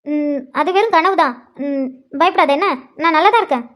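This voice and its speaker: A woman's voice: high voice, fast talker, natural voice. A woman voicing an affectionate elder sister who deflects and hesitates when questioned, in a cartoon. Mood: evasive. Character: tender, evasive elder sister. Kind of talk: cartoon voice acting.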